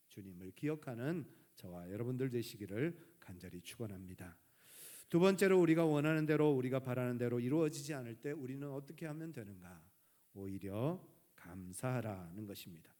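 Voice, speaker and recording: A middle-aged man, a pastor, preaching a sermon with dramatic pauses and rhetorical questions. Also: a little high, a little mellow. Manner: acts out prayers and dialogue in a raised voice.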